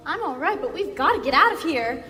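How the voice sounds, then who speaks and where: A very high, earnest young girl, acted by a woman in a stage play, polite and pleading. The voice sounds from a distance in an echoey room with music playing. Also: lively intonation, a little fast. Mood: relieved. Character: earnest young girl, frightened but brave. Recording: echoey hall from far off, music.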